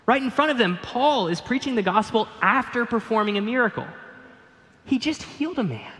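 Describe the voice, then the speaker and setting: A male pastor preaching a sermon in an earnest, measured way, building emphasis as he goes. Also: very high voice, expressive, a bit bright, in a large hall.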